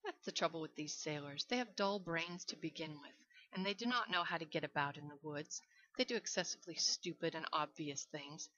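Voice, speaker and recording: Lady reading as a silky sinister old general, bright tone, lo-fi sound. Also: low-pitched, fairly quick, dry recording. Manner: silky, mocking courtesy. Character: suave menacing aristocratic older male hunter general.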